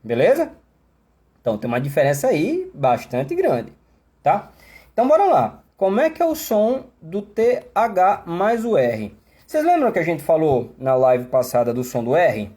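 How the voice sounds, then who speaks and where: A Brazilian man teaches English pronunciation in a live online class. His voice swoops widely in pitch, rich and dark in tone, with self-mocking asides and deliberately slow, exaggerated demonstrations. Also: huge pitch swings. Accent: Brazilian Portuguese.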